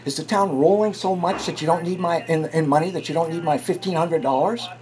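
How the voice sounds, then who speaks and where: A man in a small town hall office stands his ground as he films a clerk. His voice sits a little high, and he talks in a combative, insistent way, often getting loud. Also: fairly quick. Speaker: taxpayer filming a town office. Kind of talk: heated confrontation. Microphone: handheld camera recording.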